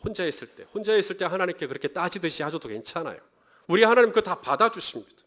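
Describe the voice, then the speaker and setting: Lively Korean pastor preaching a sermon. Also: male voice, sits high. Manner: animated, conversational preaching with rhetorical questions to the congregation; reads scripture aloud slowly. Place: church sanctuary.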